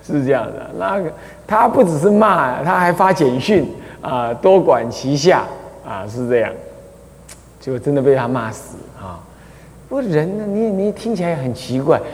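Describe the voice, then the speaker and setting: A man, a Buddhist abbot teaching a class on the precepts, talking in a chatty way with many drawn-out "ah" fillers and small chuckles. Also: on the high side. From Taiwan. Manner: chatty, full of drawn-out "ah" fillers, chuckles at his own anecdotes. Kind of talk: dharma lecture explaining a scripture. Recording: long hall reverb.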